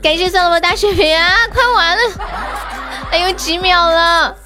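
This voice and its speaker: A woman's voice: very high voice, fairly even intonation, moderate pace. A young woman, live streaming in a playful, cutesy way with melodramatic pleas. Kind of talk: casual livestream chat. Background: background music.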